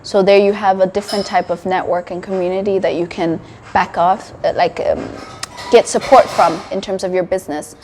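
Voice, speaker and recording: A woman in her twenties from Sierra Leone, raised in Denmark, answering interview questions in a thoughtful, steady way with frequent ums, recorded in a cafe. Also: mid-range voice, a little fast, a little hiss or hum. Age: 20s. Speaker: interview guest, wellness coach. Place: indoor cafe.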